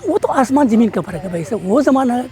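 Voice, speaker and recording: A man's voice: very high-pitched, expressive, fast talker. A man giving earnest, plain-spoken answers in an interview. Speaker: interviewee, village teacher.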